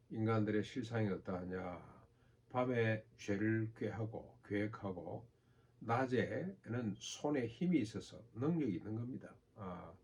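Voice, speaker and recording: Older male pastor with a gravelly low voice. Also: darkish tone. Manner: measured preaching with rhetorical questions and mocking quoted voices. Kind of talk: sermon.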